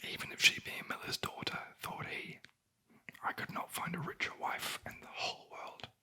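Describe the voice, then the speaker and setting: A sleep story narrator whispering a fairy tale in a breathy ASMR voice, with dry, wry asides. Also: normal speed. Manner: wry, deadpan commenting on the story.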